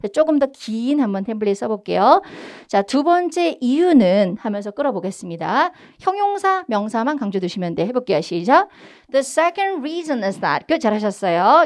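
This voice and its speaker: Young female speaking-test instructor, energetic, high and very animated delivery. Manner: energetic, exaggerated stress when modeling phrases. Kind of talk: online lecture.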